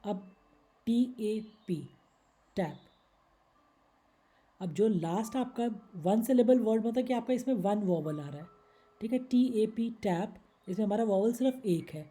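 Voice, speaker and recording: A woman's voice: medium pitch, lively intonation, measured pace, long pauses, dark tone. A woman teaching English grammar in Hindi, patiently explaining rules step by step and reading out word examples. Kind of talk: slide-based Hindi grammar lesson.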